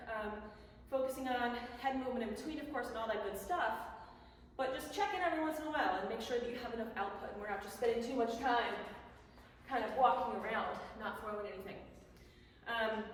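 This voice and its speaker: Female boxing coach, casual instructional delivery, slightly high voice, recorded off-mic in a heavily echoing hall. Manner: casual, conversational explaining. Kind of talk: instructional talk on bag drills. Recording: echoey hall, distant mic, faint noise.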